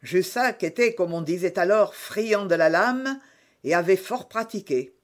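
Man, audiobook narrator, high-pitched, expressive, dramatic storytelling. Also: unhurried.

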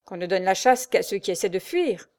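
A woman's voice: medium pitch, expressive, a little fast, darkish tone, lightly acted. A woman voicing a hot-tempered, proud male naval commander who speaks curtly and sarcastically in a read-aloud story. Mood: haughty. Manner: curt, sarcastic, imperious.

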